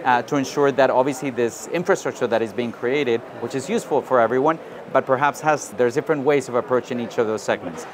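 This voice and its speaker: A man from South America giving measured interview answers, often adding "you know" and "right?". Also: mid-range voice. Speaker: interviewee, financial inclusion advisor. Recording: outdoor recording with street noise.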